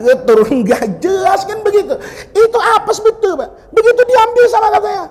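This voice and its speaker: A man's voice: very high-pitched, expressive, moderate pace. A man giving a humorous sermon in a mosque, joking and acting out the stories he tells. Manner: joking, storytelling, acts out quotes. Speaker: preacher. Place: large mosque hall. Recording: reverberant hall.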